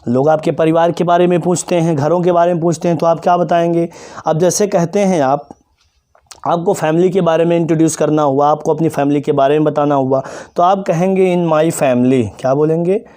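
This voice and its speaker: Teaching English to a class of children, this man asks questions, supplies the answers himself, and spells out example phrases at a slow pace. He speaks a little high, in a steady, dark tone.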